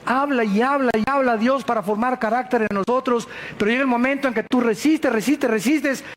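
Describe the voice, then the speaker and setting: A man with a Mexican Spanish accent preaches with a high, bright-pitched voice. He is dramatic and folksy and keeps asking his listeners questions. There is a faint hum of ambience behind him. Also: brisk. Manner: emphatic and dramatic, jumping from soft low asides to sudden high outbursts. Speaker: pastor. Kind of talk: sermon.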